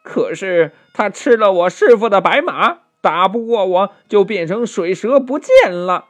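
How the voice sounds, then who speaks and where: A man's voice: animated, a little slow. Brash monkey king, as a man puts him on. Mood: fiery, impatient. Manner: loud, high and impatient. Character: brash heroic monkey king, male, quick-tempered.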